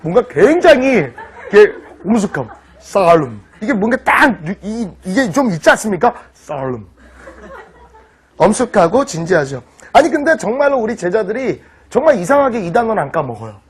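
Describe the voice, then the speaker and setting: A middle-aged man teaching an online vocabulary lecture in an animated, teasing way, often checking that students follow. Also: high voice, brisk, husky. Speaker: English teacher.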